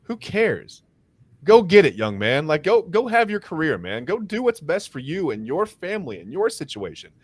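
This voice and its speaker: A man's voice: on the high side, big pitch swings, normal speed, slightly rough, no echo. A man co-hosting a casual sports podcast, who talks emphatically and repeats words when he gets worked up. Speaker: co-host.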